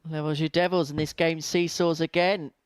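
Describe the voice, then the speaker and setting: Higher-voiced male darts commentator, dry sound. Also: flat delivery, normal speed, clean tone, dry recording. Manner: chatty, wordy, playful turns of phrase. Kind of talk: live sports commentary.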